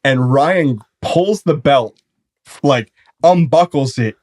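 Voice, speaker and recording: A man's voice: mid-range voice, slow. A young man, a podcast co-host, telling rowdy stories in casual chat, swearing freely. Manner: animated, swearing, laughing through stories. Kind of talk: casual storytelling.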